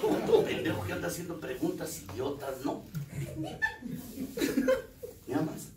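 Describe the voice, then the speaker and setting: A man's voice: fairly high pitch, animated, a little slow, darkish tone. A middle-aged man with a Mexican accent, giving a coarse, profanity-laden confessional testimony at a recovery group meeting. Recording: roomy, distant mic, faint noise.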